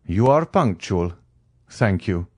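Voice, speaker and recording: A man's voice: deep voice, sing-song, slow, a little mellow, slightly rough, dry recording, studio quality, heavily acted. A man voicing a genial, worldly Count with courtly, formal phrasing and a hint of melancholy, in a classic novel audiobook.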